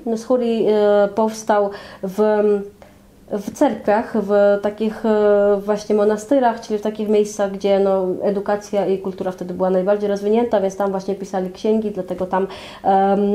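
A woman's voice: medium pitch, dark tone. A young woman from Georgia with a Georgian accent, a guest explaining her native language, speaking thoughtfully with many fillers. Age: young adult. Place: small indoor room, flag backdrop.

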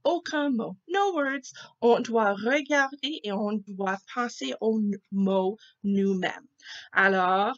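A woman teacher reading a picture book aloud to children, slowly and expressively, asking them questions. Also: mid-range voice, a bit bright, lo-fi sound.

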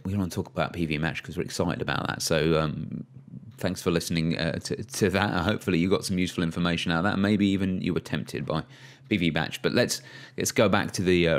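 A man hosting a cricket podcast in casual chat, talking in a relaxed way with fillers and restarts. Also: low-pitched. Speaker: podcast host.

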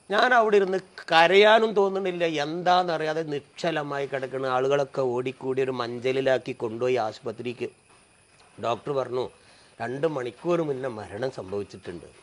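A middle-aged man, telling an emotional personal story. His voice drops low and soft at the sad moments.

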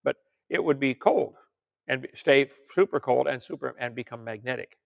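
A man's voice: mid-range voice, normal speed, gravelly. An older man giving an informal teaching sermon, reading out articles and viewer questions with folksy joking asides. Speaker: preacher and creationist lecturer.

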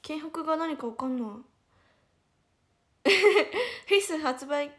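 A woman's voice: high voice, slow, fairly bright tone. A young woman with a Hiroshima accent chatting casually on a livestream. She giggles often and answers viewers' comments one by one. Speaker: idol livestreamer.

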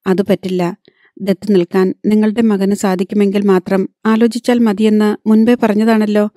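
A woman voicing a proud, hot-tempered aging wealthy father in an audiobook, commanding yet soft with his daughter. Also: high-pitched, level tone, normal speed, dry recording, studio quality, close to an everyday voice. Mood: angry.

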